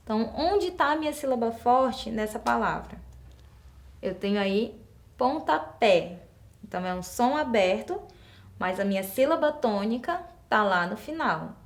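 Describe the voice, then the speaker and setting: A woman's voice: a little high, lively intonation, moderate pace. A Brazilian woman teacher with a Brazilian Portuguese accent, explaining exercises patiently and step by step, often asking a question and then answering it herself. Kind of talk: classroom lesson explaining exercises.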